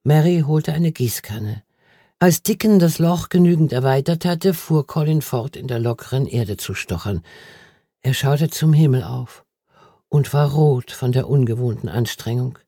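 Storybook narrator, calm and even, mellow dark tone, dry close sound. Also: medium pitch, measured pace, breathy edge, no room sound. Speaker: audiobook narrator. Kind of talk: scripted narration of a children's novel.

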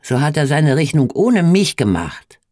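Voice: mid-range voice, very animated, a little slow, darkish tone, no echo, studio quality, voice pushed up. A reader voicing a stout, proud, stubborn farmer man in a storybook reading, blustering and emphatic. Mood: scornful boast. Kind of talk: audiobook reading.

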